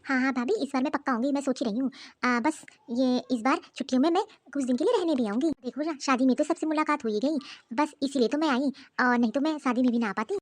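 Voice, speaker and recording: A fretful middle-aged mother-in-law from a cartoon story, voiced by a woman. She speaks in a high voice, anxious and pleading with her elders. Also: quick pace, few pauses. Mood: chatty.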